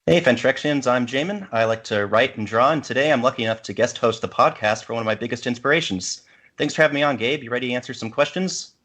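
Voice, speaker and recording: A man's voice: mid-range voice, quick pace, a bit bright. A man guest-hosting a casual podcast interview, asking questions in a polite, appreciative way.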